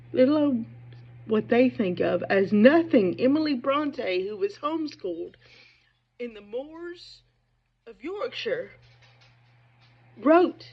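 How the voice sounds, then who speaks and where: A woman with a fairly high, breathy-edged voice gives casual, opinionated book commentary on her own video channel, the audio's highs cut off. She has a slight speech impediment and slows down on hard "sh" sounds, and her talk is emphatic and digressive, often asking "right?" and "okay?".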